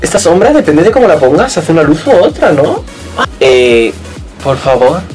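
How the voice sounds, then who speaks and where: A man's voice: fairly high pitch, big pitch swings, normal speed, darkish tone, faint music behind. A man with a Spanish accent from Spain, chatting playfully and exclamatorily as a makeup vlogger unboxing a palette. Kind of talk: casual unboxing chat.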